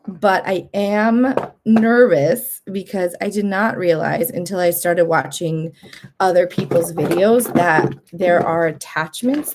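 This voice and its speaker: A woman's voice: lowish voice, noisy background. A woman in her thirties talking candidly to camera in a casual vlog, chatty, laughing often and acting out what other people say. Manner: acts out other people's lines in a lifted voice. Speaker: vlogger.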